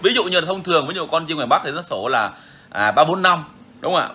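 A man's voice: a little high, animated, fast, bright, forceful tone, a little hiss or hum. A man hosting a bird-keeping channel, talking casually and frankly to viewers, repeating himself often. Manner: frank, repetitive, chatty.

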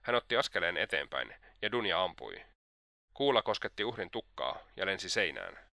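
A man narrating an audiobook in a steady, measured reading. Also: sits low, gravelly, no room sound, studio quality. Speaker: audiobook reader.

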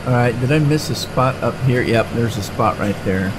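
The game's engine and tractor sounds run clearly beneath a middle-aged man's casual farming game let's-play. He hosts a gaming channel and talks at medium pitch and moderate speed, rambling and chatty with frequent fillers and restarts.

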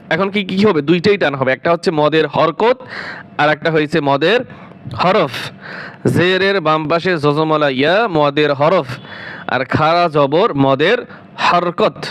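A man's voice: a little high, a bit bright. A man teaching Quran recitation, spelling out letters and drawing out each syllable, repeating words several times before explaining them. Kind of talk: slow spelled-out recitation lesson.

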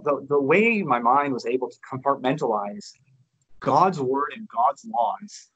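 This thirtysomething man from Canada speaks frankly as a guest on a relaxed video-call interview, indoors by a large window, stumbling into restarts and lots of "you know" fillers. His medium-pitched voice has a breathy edge, and the audio is poor.

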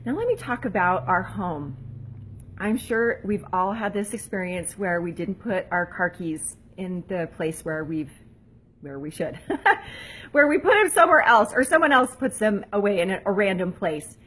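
A woman in her forties giving a casual motivational talk as a mentor, chatty and self-deprecating, often jumping up into high pitch to act out what people say. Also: normal speed, slight background noise. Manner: animated, acting out quoted voices in a much higher pitch. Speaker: mentor and blogger.

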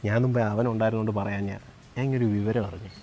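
An actor playing a young bachelor whose marriage proposals keep falling through, in a comic short film, with rapid, dramatic complaining. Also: male voice, mid-range voice, slight background noise, natural voice.

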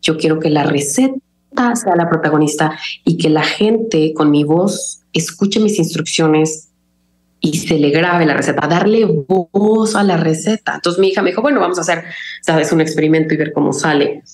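A woman from Mexico City, a chef who makes recipe videos, talking in a calm, measured way with careful diction in an interview. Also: sits low, echoey room. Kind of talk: conversational interview.

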